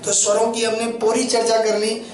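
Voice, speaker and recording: A male teacher gives a grammar lesson with a high, fairly flat voice, joking with his students and answering his own questions. The sound is very echoey, and he is heard from some distance away from the mic. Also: a little fast, a little hiss or hum. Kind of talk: classroom lecture.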